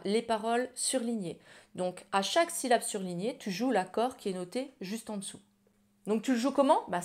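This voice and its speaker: A woman giving a casual ukulele lesson, chatting directly to the viewer and walking through strumming patterns. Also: a little high. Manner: chatty, addresses viewer as tu, sings lyrics while strumming. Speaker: ukulele teacher. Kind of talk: ukulele tutorial for children's songs. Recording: ukulele loud under voice. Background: ukulele playing.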